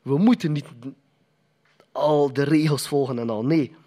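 A man's voice: on the high side, a little slow, mellow. A man preaching a sermon in a conversational, emphatic way, often putting questions to the congregation.

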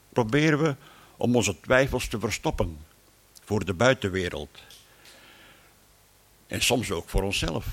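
Man, preacher, sermon and prayer, earnest, measured delivery, mid-pitched voice. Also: fairly bright tone. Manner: earnest, measured, with frequent restarts. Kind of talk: sermon with prayer and Bible reading.

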